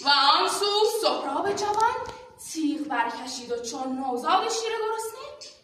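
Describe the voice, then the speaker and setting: High-pitched woman declaiming epic naqqali storytelling. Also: expressive. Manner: theatrical declamation, stretched words, swelling from hushed to forceful. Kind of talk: dramatic naqqali storytelling, declaimed Persian epic recitation with chanted verse. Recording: very echoey room, distant mic, faint noise.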